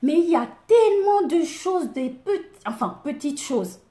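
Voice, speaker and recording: A high, dark-toned voice comes through animated and a little slow against a reverberant backdrop. The speaker is a woman with an African French accent coaching on a casual live video, chatting to viewers by name and laughing at her own expense.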